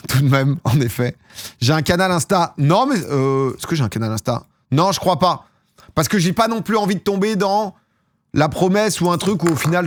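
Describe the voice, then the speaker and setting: A man's voice: medium pitch, no echo, studio quality. Slangy French man rambling on stream. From France. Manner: rambling, slangy, laughs at himself. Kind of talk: casual chat with chat viewers.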